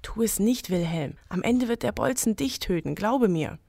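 A woman voicing a soft, urgent inner voice of conscience in a spoken legend, speaking slowly. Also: mid-range voice, expressive, vocal fry, dry recording, studio quality. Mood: warning.

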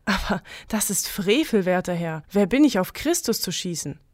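A woman's voice: medium pitch, animated, moderate pace, darkish tone, no room sound, studio quality, natural voice. A woman voicing an earnest, lovesick young squire who speaks formally in a spoken legend.

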